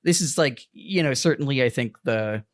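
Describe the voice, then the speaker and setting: A man's voice: mid-range voice, normal speed, dry recording, clean studio sound. Rambling, swearing man on a podcast. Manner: rambling, swears often, laughs a lot. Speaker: podcast co-host. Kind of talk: casual chat.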